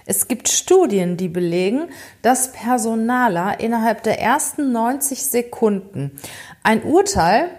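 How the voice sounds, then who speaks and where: A woman's voice: fairly high pitch, lively intonation, a little slow, darkish tone. A woman hosting an educational podcast, talking straight to the listener and asking many rhetorical questions. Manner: speaks directly to the listener. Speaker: podcast host.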